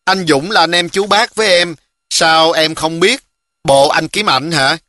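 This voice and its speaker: A man voicing a touchy, excitable little village girl, shrill and pleading. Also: a little slow, dry recording, studio quality. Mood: excited, sulky.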